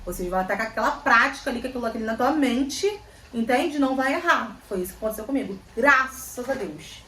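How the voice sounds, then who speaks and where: A woman's voice: on the high side, lively intonation, quick pace, pushed and bright. A young woman vlogger from Brazil, chatting casually and telling a story, repeating phrases for emphasis. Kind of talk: casual chat. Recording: roomy, slightly distant, faint ambience.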